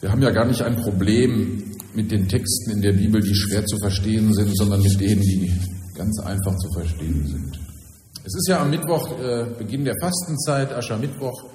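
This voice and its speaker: A man's voice: medium pitch, dark tone, a little hiss or hum. Man preaching in an echoey church. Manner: solemn declaiming reading, then plain conversational preaching. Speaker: pastor. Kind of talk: scripture reading and sermon. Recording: echoey church, long reverb.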